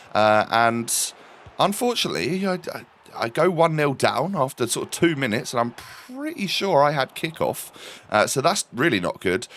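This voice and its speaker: A man's voice: medium pitch, a bit bright. Stuffy-nosed man chatting over gameplay. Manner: chatty, with frequent ums and repeated words. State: stuffy nose from a coming cold. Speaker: gaming channel host. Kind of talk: casual gameplay commentary.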